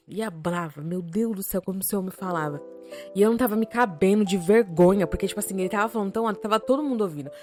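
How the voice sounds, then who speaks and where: A young Brazilian woman tells a story on a podcast, casual and full of slang and swearing, her voice sitting at a middle pitch. Her loudness jumps up and down as she gets caught up in the tale, and faint music plays softly behind her. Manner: animated, slangy and profane, quick shifts in loudness. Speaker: podcast co-host.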